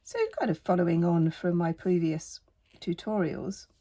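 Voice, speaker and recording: A woman in her fifties with a croaky voice, tired and under the weather, giving a casual doodle tutorial in a gentle, rambling, hesitant manner. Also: on the low side, steady tone, normal speed. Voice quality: croaky, husky voice. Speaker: artist and art teacher giving a tutorial.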